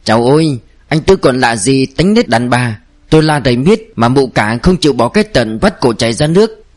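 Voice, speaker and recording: Storybook part: a man playing a jovial old mandarin, smooth and persuasive. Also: medium pitch, lively intonation, fairly quick, close to an everyday voice. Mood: genial. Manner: genial, persuasive. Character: smooth-talking older provincial mandarin, jovial.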